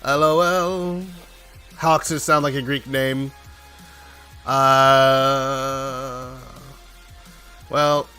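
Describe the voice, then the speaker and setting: Speaking extremely slowly with frequent pauses and little pitch movement, a man with a medium-pitched, sharp, clean voice hosts a game developer's livestream. Background music plays as he rambles jokingly, acting out little imagined exchanges.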